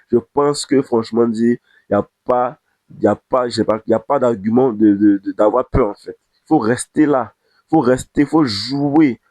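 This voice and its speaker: Man, impassioned football talk, mid-pitched voice, repeats lines for emphasis, dry close sound. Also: a little mellow, no echo. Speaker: football vlogger. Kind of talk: impassioned football commentary to camera.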